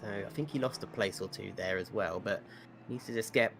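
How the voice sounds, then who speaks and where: Leading live sim racing commentary, a man makes quick race calls while playfully teasing his co-hosts. His voice is on the low side, gravelly yet fairly bright. Slight background noise is audible.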